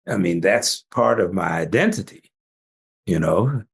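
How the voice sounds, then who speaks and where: An older male physician telling stories in a relaxed interview, laughing often as he talks. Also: low-pitched, a little slow, breathy edge. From Jamaican family, trained in Atlanta. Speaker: physician guest. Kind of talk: casual interview talk.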